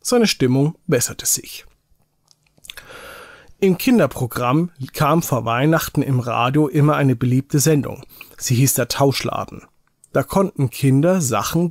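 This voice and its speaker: A man reading an Advent story for small children aloud, slowly and with care, in a home recording. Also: mid-range voice, a little mellow, dry recording, studio quality.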